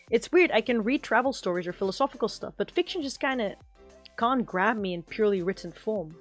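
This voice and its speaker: A woman's voice: on the high side, lively intonation, slow, soft background music. A woman with a Kansai accent, chatting casually as a live-stream host, rambling and correcting herself as she switches between Japanese and English. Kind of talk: casual chat while drawing.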